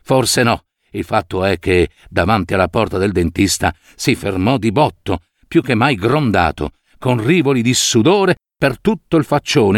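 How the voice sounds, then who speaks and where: A male narrator reads a story aloud with an animated, wide-ranging delivery. His voice sits at an ordinary pitch, recorded close and dry. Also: no room sound. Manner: expressive, dramatic reading. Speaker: audiobook narrator.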